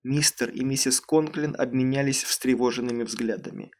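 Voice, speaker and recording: A man narrating an audiobook in a steady, measured storytelling manner. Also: mid-range voice. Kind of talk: scripted narration.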